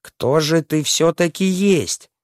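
A man voicing a proud, quick-tempered young princess in a storybook tale, raising his voice high and indignant. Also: dry recording, clean studio sound. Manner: indignant, shouting.

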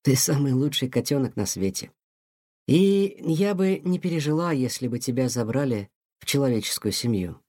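A man voicing a wise, gentle mother cat who speaks softly and soothingly. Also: medium pitch, expressive, normal speed, dry recording, clean studio sound, close to an everyday voice. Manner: soft, soothing and tender. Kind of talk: audiobook character voice.

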